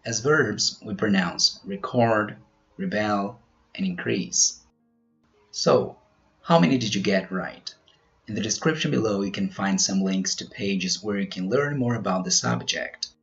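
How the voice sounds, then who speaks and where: A man teaching pronunciation in a scripted quiz, slowly over-articulating each example word. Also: lowish voice, fairly bright tone, highs cut off. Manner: slow, careful, over-articulated delivery of example words.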